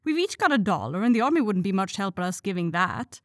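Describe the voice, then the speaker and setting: A woman's voice: mid-range voice, big pitch swings, fast, no echo, clean studio sound, lightly acted. A woman voicing a bookish, tomboyish teenage girl who grumbles and speaks her mind. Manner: grumbling, outspoken.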